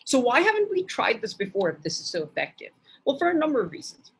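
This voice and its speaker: A woman from Bangladesh giving an academic lecture in a measured way, with frequent hesitation fillers. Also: high voice, wildly swooping pitch, slightly rough, rough recording.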